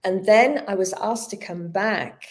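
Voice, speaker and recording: In a casual interview, a yoga teacher in her fifties speaks at a measured pace and medium pitch. Still numb from a dental injection, she sounds a little clumsy, stumbling slightly as she searches for words, yet stays earnest and reflective.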